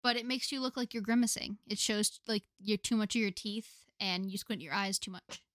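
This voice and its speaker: A young woman from the United States chats easily as a podcast co-host. She talks loosely, with plenty of fillers and quick laughs. The sound is close and dry. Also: mid-range voice, steady tone, fairly bright tone, dry recording. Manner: chatty, laughs often, many fillers. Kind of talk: casual chat.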